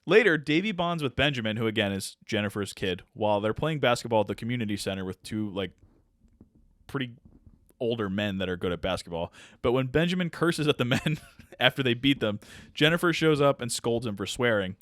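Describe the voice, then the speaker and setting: A man's voice: mid-range voice, animated, fairly quick, fairly bright tone, no room sound, studio quality. A man co-hosting a podcast, reading through a movie's plot and stopping for wry asides. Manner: summarizes with asides and laughs. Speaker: podcast co-host. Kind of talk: casual chat, reading a plot summary.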